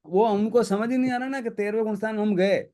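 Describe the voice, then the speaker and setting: A man's voice: sits high, fast, mellow. A man talking through spiritual teachings in a casual discussion, earnest and colloquial, repeating phrases for emphasis. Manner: laughs between points.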